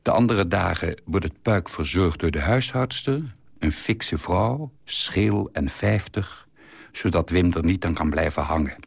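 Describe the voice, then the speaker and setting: A man reading a short story aloud in a calm, measured, wry way. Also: low voice, creaky, husky, no room sound.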